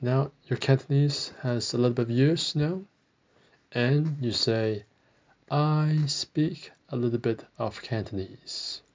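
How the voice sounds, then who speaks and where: A man's voice: mid-range voice, slow pace, a little mellow, lo-fi sound. A man teaching a podcast language lesson, carefully modelling each phrase and repeating it.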